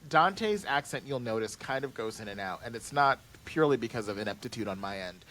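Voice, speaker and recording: A man in a casual podcast chat about the audio drama he writes and acts in. He rambles through fillers and restarts, his pitch sitting in an ordinary middle range, and he laughs easily between thoughts. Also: expressive, brisk, sharp tone.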